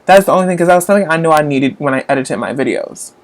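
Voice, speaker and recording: A man's voice: fairly high pitch, expressive, rapid-fire. A young man hosting a casual live stream, chatting with viewers while getting frustrated with his tablet and phone. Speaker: livestream host.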